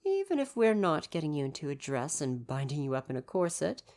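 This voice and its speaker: Playing a loyal, correct royal butler for an ASMR roleplay, a man speaks to the listener with formal deference and fussy attention, sounding dutiful and fussy. His voice is a little high with a darkish tone.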